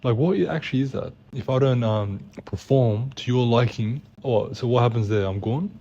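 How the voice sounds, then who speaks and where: A man's voice: medium pitch, normal speed, mellow, muffled recording. A young man in casual chat, ranting in an exasperated, slangy way. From Australia. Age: young adult. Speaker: co-host.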